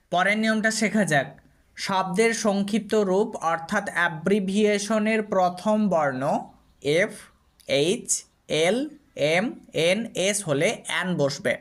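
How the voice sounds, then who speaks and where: Patient Bengali grammar teacher, drilling examples. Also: male voice, sits high. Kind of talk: explaining lesson to students.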